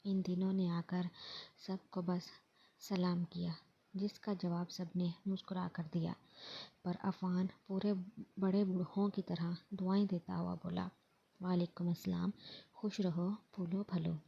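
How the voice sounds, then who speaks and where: A woman narrates a romance novel in a steady storybook reading. Her voice is low and flat, gravelly and heavily husky. The recording sounds dull and lo-fi. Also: unhurried.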